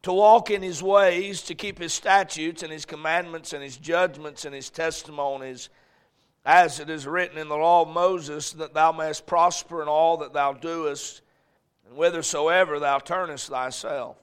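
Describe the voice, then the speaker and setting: A man's voice: a little high, steady tone, unhurried, clean tone. A male pastor preaching and reading scripture to a congregation, in an echoey church hall. He talks in a folksy way and repeats phrases, then swells when he reads verses aloud. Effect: echoey church hall sound.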